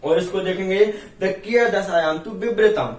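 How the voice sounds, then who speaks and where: A man with a fairly high voice gives a grammar lesson, asking questions and answering them himself. He chants rules slowly. He sounds echoey and set back from the mic. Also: distant mic. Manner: asks and answers his own questions. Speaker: Sanskrit grammar teacher. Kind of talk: classroom lecture.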